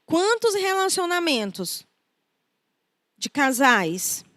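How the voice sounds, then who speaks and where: A woman's voice: very high voice, sing-song, slow, a bit bright, no room sound. A middle-aged woman with a Brazilian Portuguese accent, preaching a conversational sermon and acting out the people she quotes. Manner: conversational, acts out quoted voices. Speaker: preacher and counselor.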